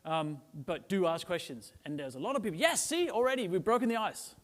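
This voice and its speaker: In a reverberant, large conference hall, a middle-aged Danish conference speaker addresses a live audience in a high, expressive, slightly fast voice. His talk is chatty and full of jokes, peppered with "um" fillers and a habit of ending points with "right?"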